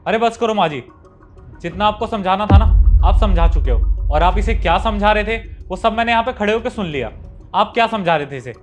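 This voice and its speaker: A man's voice: high voice, expressive, fairly quick, music in the background. A man playing a firm, reproachful son-in-law. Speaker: husband character. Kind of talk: family drama acting.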